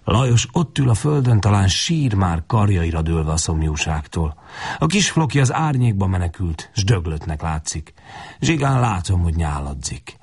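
A male narrator reading a story aloud with a husky, fairly low voice. His delivery is expressive and lively in pitch, now rising with action, now dropping to a hush. Dramatic audiobook style. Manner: expressive, dropping to hushed tones in intimate passages.

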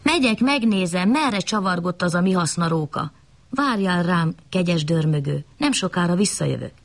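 A woman's voice: fairly low pitch, animated. A woman voicing a hungry, boastful wolf in a bedtime story. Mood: blustering.

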